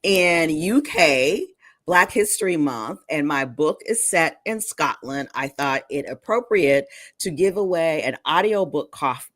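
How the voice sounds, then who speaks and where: A woman author with a low voice reads her novel aloud, then talks it through thoughtfully in conversation. The sound is close and dry, with no room echo. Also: expressive, unhurried. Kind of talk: podcast interview and book reading.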